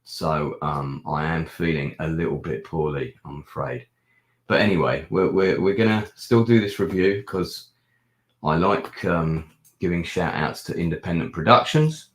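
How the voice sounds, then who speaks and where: A film reviewer and channel host chats casually on a live stream, his low man's voice hoarse because he's ill with a sore throat. He talks unhurriedly and rambles, with plenty of ums and restarts, and the room has an echo.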